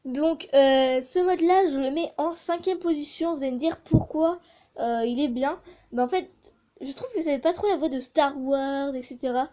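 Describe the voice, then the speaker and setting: A woman's voice: high-pitched, normal speed, mellow. A woman chatting casually in a vlog, with many hesitations, reviewing voice changer effects. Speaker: gaming YouTuber testing a voice changer app.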